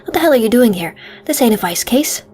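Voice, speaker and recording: A woman's voice: a little high, lively intonation, quick pace, darkish tone, soft background music, close to an everyday voice. A woman voicing a stubborn, curt male police officer in video game dialogue, blunt and colloquial. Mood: irritated. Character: stubborn, irritable male beat cop, tough and curt.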